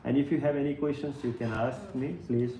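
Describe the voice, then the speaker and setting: A man's voice: medium pitch, fairly even intonation, brisk, warm tone, a little hiss or hum. A man, leading a tour and briefing his group in an earnest, repetitive way. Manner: earnest, repeats "like this kind of things". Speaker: tour leader. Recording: echoey room, faint ambience.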